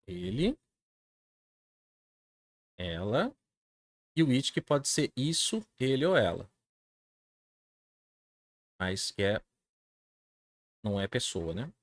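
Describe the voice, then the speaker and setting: A Brazilian man teaching an English class online, with an animated, swooping voice. He talks informally to his students and keeps checking that they follow. The sound is dry and close, with no room echo. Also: medium pitch. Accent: Brazilian Portuguese. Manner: informal, checks in often with tag questions. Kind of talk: live online class lecture.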